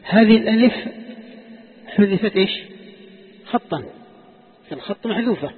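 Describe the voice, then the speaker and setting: High-voiced sheikh dictating in a hall. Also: male voice, expressive, normal speed, slightly rough. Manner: quizzes students with repeated questions, dictates sentences. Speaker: sheikh teaching Quranic exegesis. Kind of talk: classroom lecture with call-and-response questions. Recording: tinny lo-fi lecture recording, long hall reverb.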